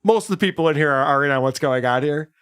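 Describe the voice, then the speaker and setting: Bright, high-voiced amused man. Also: fast, clear, resonant tone. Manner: amused, laughing commentary. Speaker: guest commentator. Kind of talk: casual commentary.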